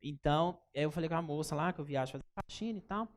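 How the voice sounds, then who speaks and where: A man with a Brazilian accent teaching a live workshop, chatty and animated, often turning to the audience with anecdotes. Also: on the high side, fast. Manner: animated, chatty, keeps calling the audience "gente" and telling anecdotes. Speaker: workshop instructor.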